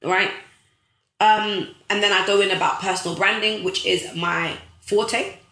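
Bright-voiced woman giving a motivational livestream. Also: mid-range voice, steady tone, unhurried, reverberant, rough recording. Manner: preachy, repetitive, rallying. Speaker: livestream host and author. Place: bedroom at home.

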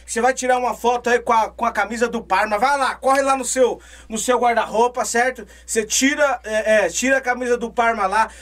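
A man's voice: very high-pitched, fairly even intonation, a little fast, hardly any pauses, fairly bright tone. A man hosting a live podcast, chatting and reading out viewer donations, with lots of repeated filler words. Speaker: podcast host.

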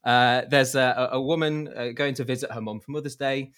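A young man hosting a podcast, telling jokes in a rambling, animated way and signing off. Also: medium pitch, fairly quick. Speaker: podcast host. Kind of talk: casual joke-telling and sign-off.

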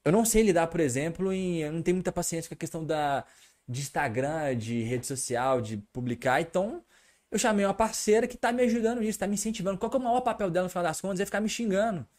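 A man co-hosting a casual podcast, getting animated and louder when worked up. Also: sits high, fast. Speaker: podcast co-host.

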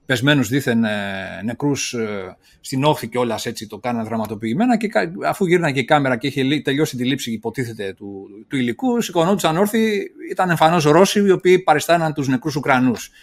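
A man's voice: medium pitch, expressive. Sceptical man explaining in casual chat. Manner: explanatory, many fillers, sceptical. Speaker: podcast co-host.

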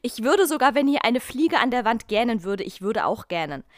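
A woman's voice: fairly high pitch, very animated, normal speed, no echo. A young woman co-hosting a podcast in casual chat, playful and exaggerating, often laughing. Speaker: podcast co-host.

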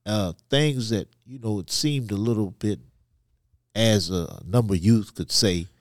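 A man from Ivory Coast, giving personal testimony as a podcast guest in halting, hesitant phrases. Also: on the low side, no echo, clean studio sound. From Ivory Coast, West Africa. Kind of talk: personal testimony in a conversational interview.

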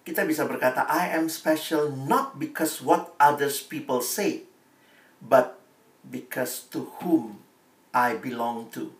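A man giving a youth sermon, lively and acting out quoted voices, slipping into English phrases. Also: medium pitch, slow pace, reverberant, recorded from a distance. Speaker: youth speaker.

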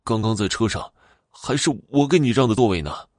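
A man's voice: lowish voice, expressive, a little fast, dry recording, studio quality, pitched above the performer's own voice. Man playing a scared young man. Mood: pleading. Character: frightened young man on a ghost bus.

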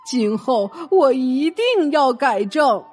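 A woman's voice: sits high, expressive, slow, darkish tone, slightly rough, soft background music, heavily acted. A woman voicing a withdrawn ancient male scholar in a children's story, speaking through sobs. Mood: remorseful. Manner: sobbing, wailing.

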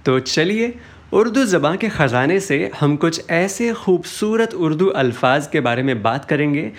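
A man talks through a relaxed spoken lesson, explaining song words and mixing in English phrases. He speaks slowly and unhurriedly. His voice sits a touch higher than most men's. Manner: mixes Hindi with English phrases, sings song lines slowly. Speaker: host explaining Urdu words in old film songs. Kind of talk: casual spoken lesson with sung excerpts.

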